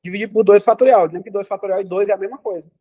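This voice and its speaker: A man's voice: high-pitched, steady tone, rapid-fire, dark tone. A man teaching a math class in a classroom, talking students through problems and asking them questions.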